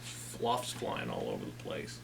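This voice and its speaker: A man's voice: very deep voice, wildly swooping pitch, unhurried, vocal fry, recorded from a distance, noisy background. A man hosting a casual talk about old albums, enthusiastic and rambling with lots of fillers. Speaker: host.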